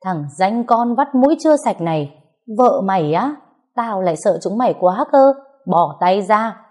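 A taunting, foul-mouthed brother-in-law in a spoken story, voiced by a woman narrator. He sneers and mocks in a low, mellow voice. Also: normal speed, close to an everyday voice. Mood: snarling. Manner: taunting, mocking, coarse. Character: scheming loud-mouthed male brother-in-law, middle-aged.

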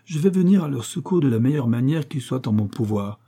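A man's voice: mid-range voice, lively intonation, fairly quick, dark tone, husky. A man reading aloud, voicing a prim, sly old spinster who refuses to give money.

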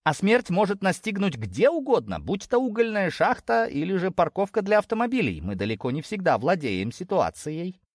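A man's voice: high voice, big pitch swings, moderate pace, hardly any pauses, no echo, studio quality, pitched above the performer's own voice. A man voicing a pushy middle-aged ram father who is proud and scheming, talking in a coaxing, self-satisfied way. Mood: smug.

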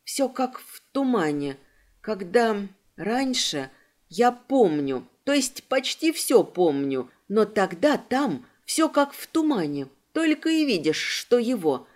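A frightened young woman, weeping and pleading, her voice rising and trembling with fear, as a woman narrator puts her on. It is a storybook scene, read aloud with lively swings in pitch. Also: slow pace. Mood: fearful. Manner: sobbing, pleading, breathless fear.

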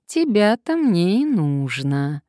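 A woman reads an audiobook, voicing a bossy, determined middle-aged female sleuth who barks orders commandingly. Her own voice is on the low side, a little mellow, close to everyday speech, and at normal speed. The recording is dry and clean, studio quality.

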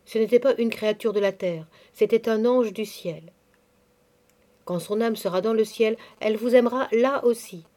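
A lady reading as an old nursemaid in mourning, pious and tender, mellow low-key voice. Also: normal speed, lightly acted. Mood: mournful. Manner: tender, pious, softly confiding. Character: grieving elderly female nursemaid, devout.

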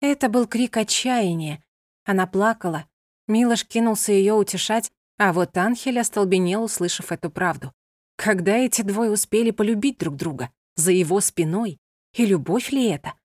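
A woman narrating a novel in an even, measured storytelling manner. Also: medium pitch, dry recording, clean studio sound. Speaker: audiobook narrator.

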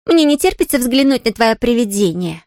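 A woman's voice: fairly high pitch, very animated, normal speed, a little mellow, no room sound, studio quality, voice pushed up. A woman voicing a teasing older sister who sneers and scolds, in a storybook reading. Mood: mocking.

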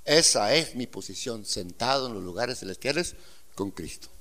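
A man preaching a sermon as pastor, swinging from loud emphatic declarations to quiet asides and putting rhetorical questions to the congregation. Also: mid-range voice, animated, moderate pace.

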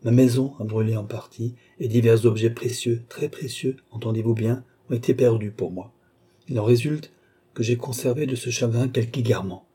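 A man voicing a haughty, weary older count who answers with calm, disdainful impatience. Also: medium pitch, normal speed, slightly rough, close to an everyday voice.

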